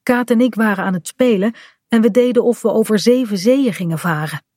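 A woman's voice: medium pitch, brisk, mellow, dry recording, clean studio sound, natural voice. A woman voicing a young boy in a children's storybook reading, a bit grumbly and mumbling. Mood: explaining. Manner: mumbling, slightly sulky. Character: young boy, a bit grumpy, tired rower.

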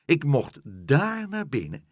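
A man's voice: on the high side, wildly swooping pitch, takes it slowly, no room sound, studio quality, voice pushed up, full character voice. A man doing a smug, boastful tomcat. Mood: smug teasing. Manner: smug, teasing. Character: sly boastful tomcat living in a flat.

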